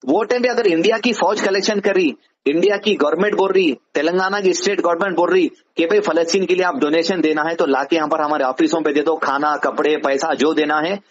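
The voice is a man's, sitting high, with a little hiss or hum in the dull lo-fi phone recording. Speaking with a Hyderabadi accent, he answers a caller as an advisor, explaining didactically and tossing in rhetorical questions often.

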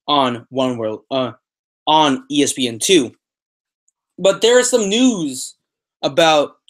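This young adult man hosts a soccer podcast, speaking off the cuff to a webcam or laptop held at arm's length in a small room at home. His voice sits on the higher side with a fairly bright tone, and he repeats phrases for emphasis.

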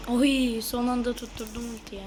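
A woman giving live gameplay commentary on her gaming channel, excitable, shouting at opponents and then dropping to a murmured whisper. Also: fairly high pitch, normal speed, noisy background.

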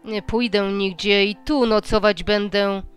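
Woman reading as a calm, stubborn young student. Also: mid-range voice, a little slow, clear, resonant tone, soft background music, lightly acted. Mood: resolute.

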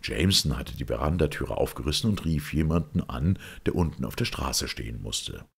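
A man's voice: extremely low pitch, moderate pace, creaky, slightly rough. A man narrating a detective story expressively as an audiobook reader. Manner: expressive, dramatic. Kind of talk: literary narration.

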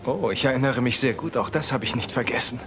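Guy dubbing a lovesick soap admirer, soft and pleading, music under it. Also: medium pitch, fast talker, close to an everyday voice. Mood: wistful. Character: lovesick man pining for his old flame. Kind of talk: German TV soap dub.

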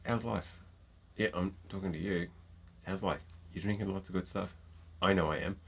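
He speaks low and breathy at a moderate pace. A middle-aged gin reviewer, congested from a cold, he jokes his way through a casual tasting chat to camera with many ums, sitting close to a desk mic in a home room full of bottle shelves.

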